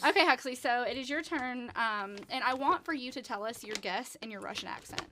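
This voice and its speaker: A woman's voice: on the high side, fairly quick, a crowd in the background. A woman with a Nashville Southern accent hosting a casual interview, chatty and full of "like", laughing often. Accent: Nashville Southern American. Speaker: interview host. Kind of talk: casual chat.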